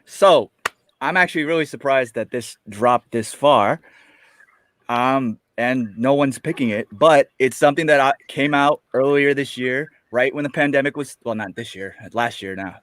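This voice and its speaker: A man in casual chat, hesitant and halting, with many fillers as he explains his pick. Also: medium pitch, a bit bright, no room sound. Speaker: draft participant.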